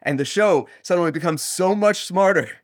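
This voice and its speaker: A man interviewed as an audio drama creator chats in a casual, animated, rambling way, joking and often interrupting himself. His voice is high, at normal speed, with clean studio sound and no room noise.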